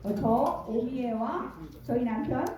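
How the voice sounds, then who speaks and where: High, mellow middle-aged woman emcee in echoing hall. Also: slow. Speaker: event emcee. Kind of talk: introducing a speaker at a forum. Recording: very echoey hall, far from mic.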